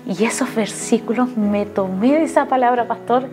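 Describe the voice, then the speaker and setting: A Chilean woman shares her faith testimony in a TV interview, her voice sitting a little high. She speaks earnestly and keeps turning to address the pastor. Soft music plays faintly underneath. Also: moderate pace. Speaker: guest giving a testimony.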